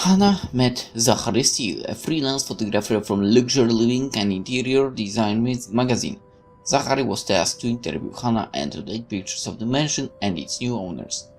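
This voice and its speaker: Lively in intonation and a little fast, this mid-range male voice belongs to a gaming video host. He reads the on-screen game text with expression, stumbling now and then and adding asides, as music plays behind him.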